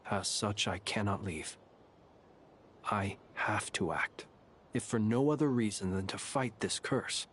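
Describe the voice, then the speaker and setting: A man voicing a calm, wry lighthouse keeper in a video game, with a courtly, gently teasing manner. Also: on the low side, a little slow, slight background noise. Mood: guarded, composed.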